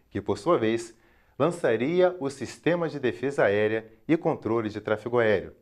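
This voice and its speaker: A man with a Brazilian accent and a medium-pitched voice reads scripted educational documentary narration. His delivery is formal and measured, with careful enunciation.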